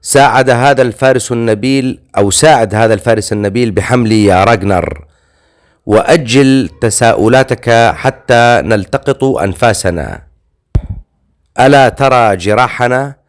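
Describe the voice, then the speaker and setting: A man's voice: medium pitch, moderate pace, natural voice. A man reading the lines of a proud, wounded noblewoman warrior in an audiobook, speaking in a haughty, commanding way.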